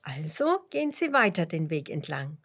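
A woman reading a children's story in a soft, gentle, half-whispered way. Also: low voice, big pitch swings, moderate pace, slightly rough. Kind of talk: children's bedtime story narration.

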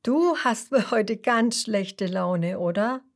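A woman voicing a cheerful, friendly male fish who never loses his good mood, asking gentle, kindly questions in a children's story. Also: medium pitch, big pitch swings, slow pace, husky, heavily acted.

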